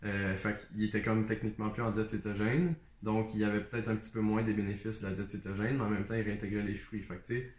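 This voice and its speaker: A Québécois man talks quickly through detailed explanations, slipping in self-mocking jokes. He is a nutritionist co-hosting a relaxed conversation. The room has a noticeable echo. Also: lowish voice. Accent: Québécois French. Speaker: nutritionist co-host. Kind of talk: casual chat.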